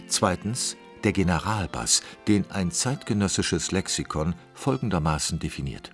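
A man reading a scripted radio documentary in a measured, explanatory manner. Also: low-pitched, lively intonation, fairly bright tone, faint music behind. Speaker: documentary narrator.

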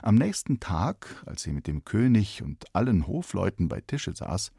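Deep, husky male storyteller. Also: a little slow, dry recording, clean studio sound. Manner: expressive, playful reading. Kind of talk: scripted fairy-tale narration.

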